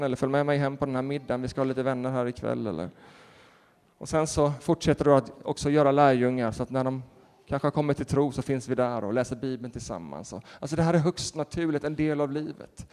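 A man who is a pastor, preaching a sermon and telling stories in a lively way with acted-out quotes. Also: medium pitch. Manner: animated storytelling with laughter and acted-out quotes. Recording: reverberant hall.

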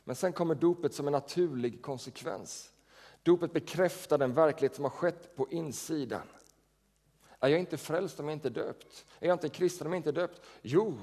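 A man's voice: a little high, darkish tone. A man preaching a sermon as pastor, talking in a conversational way and often posing questions to the congregation. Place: church sanctuary. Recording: long church reverb.

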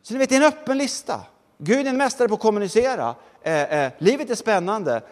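A man preaching a sermon, telling stories with lively asides to the congregation. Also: high-pitched, big-room sound. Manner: lively storytelling with audience asides.

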